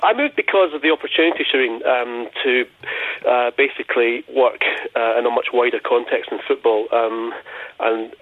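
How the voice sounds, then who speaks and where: A man's voice: medium pitch, normal speed, no room sound. A man from Scotland, a football journalist, speaking as a guest on a radio show in a chatty, rambling way. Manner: chatty, rambling, many fillers. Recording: tinny phone line.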